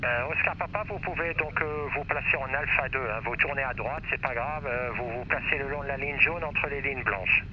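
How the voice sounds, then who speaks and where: A man's voice: medium pitch, moderate pace, hardly any pauses. A man working as an airfield ground controller, heard over aviation radio, giving taxi instructions in radio phraseology. He is patient and often hesitates. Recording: muffled radio with loud noise.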